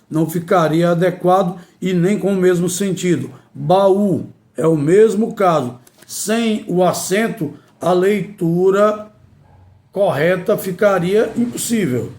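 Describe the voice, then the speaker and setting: A man teaching spelling rules in a slow, deliberate way, repeating each key word. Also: high-pitched, darkish tone. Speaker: Portuguese language teacher. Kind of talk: grammar lesson.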